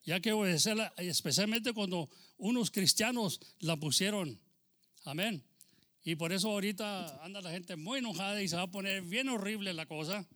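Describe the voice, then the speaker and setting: Bright-voiced Mexican American pastor preaching. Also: male voice, high voice, normal speed. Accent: Mexican American Spanish. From United States. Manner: switches into English phrases, frequent amen and hermano; fervent preaching that drops into joking storytelling. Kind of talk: sermon.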